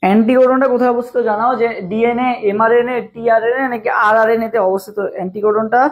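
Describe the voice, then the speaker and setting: A man's voice: very high voice, steady tone, quick pace. A young man, teaching a live online class for admission tests and drilling students with repeated questions. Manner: asks viewers to type along in the comments. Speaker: admission test tutor. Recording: dull lo-fi stream audio.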